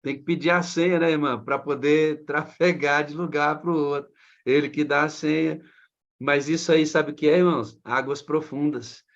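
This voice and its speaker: A man's voice: fairly high pitch, fairly even intonation, moderate pace, lo-fi sound. A pastor preaching to his congregation, building his emphasis as he goes. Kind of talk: sermon.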